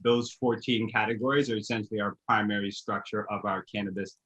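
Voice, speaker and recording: A man's voice: fairly low pitch, fairly even intonation, a little fast, fairly bright tone, slightly rough, rough recording. A man from Uganda, explaining his background steadily to an interviewer over a video call from home. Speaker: guest, recruiter and author. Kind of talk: casual interview chat. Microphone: video call webcam.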